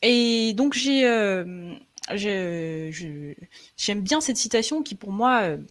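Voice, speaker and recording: A woman's voice: medium pitch, lively intonation, slow pace. Young woman, live tech webinar presenter, hesitant with fillers, slightly sore throat, computer mic. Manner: hesitant, many fillers and restarts, checks in with viewers.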